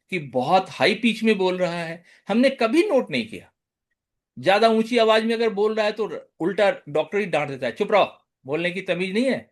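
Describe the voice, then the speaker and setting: A man with an Indian English accent giving a webinar lecture on homeopathy over a video call, listing remedy names one by one and mixing Hindi and English. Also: high-pitched.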